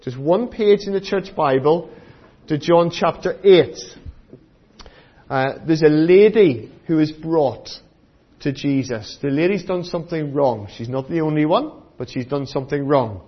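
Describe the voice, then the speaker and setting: A British man with a slightly high, husky voice preaches to children like a kids' presenter. He explains things simply and keeps checking in with questions. The recording is a little dull and muffled. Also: unhurried. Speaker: preacher giving a children's talk. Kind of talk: sermon for children. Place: church.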